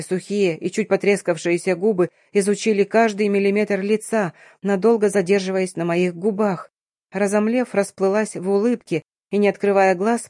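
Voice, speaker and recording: A woman reading a first-person romance audiobook in a measured, intimate way. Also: medium pitch, warm tone, no room sound, clean studio sound. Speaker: audiobook narrator.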